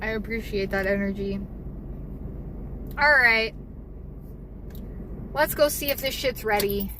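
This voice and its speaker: A woman's voice: mid-range voice, slow, pushed and bright, slight background noise. A woman vlogging casually from her car while doing deliveries, venting angrily and swearing heavily about a bad hotel. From Southern California. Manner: angry venting, heavy swearing. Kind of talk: casual livestream chat while driving.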